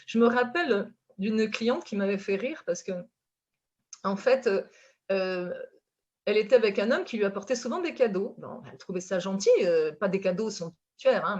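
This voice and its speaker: A French-accented woman from France talks as a relationship coach, lively and animated, stumbling over restarts and fillers. Her voice sits fairly high. The recording sounds dull and lo-fi. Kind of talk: casual conversation.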